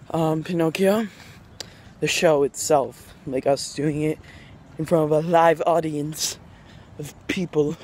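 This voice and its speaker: A man's voice: fairly high pitch, darkish tone, slight background noise. A teenage boy vlogging backstage at a theater on a handheld phone, rambling with lots of fillers. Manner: rambling, filler-heavy chatter. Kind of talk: casual backstage vlog. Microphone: handheld phone camera.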